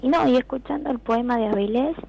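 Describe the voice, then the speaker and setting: A woman's voice: on the high side, fast, gravelly, warm tone, slightly rough, dull audio. A woman calling in to a radio show over the phone, chatting casually and repeating short answers. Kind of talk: casual chat.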